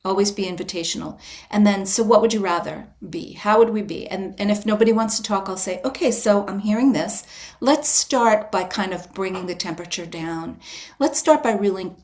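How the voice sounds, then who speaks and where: A woman with a mid-range voice, a writer and retreat leader, is a guest on a podcast interview. She gives a reflective answer explaining her approach, calm, invitational and measured, with frequent restarts.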